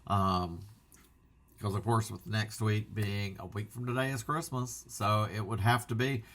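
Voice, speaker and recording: A man hosting a casual vlog, talking in an excitable, rambling way and interrupting himself often. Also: on the low side, measured pace. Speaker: physical media channel host.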